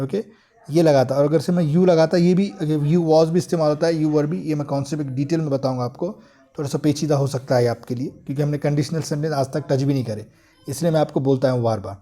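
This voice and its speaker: Mellow-voiced man teaching grammar slowly. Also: a little high. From India. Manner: slow, deliberate explanation, drawing out English example sentences. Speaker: English teacher. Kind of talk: online grammar lesson.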